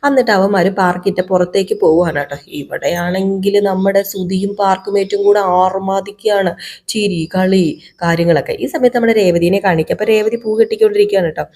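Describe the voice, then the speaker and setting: A woman's voice: medium pitch, steady tone, fast, a little mellow. A woman casually retelling a TV serial episode for her viewers, chatting with them directly. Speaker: serial recap vlogger.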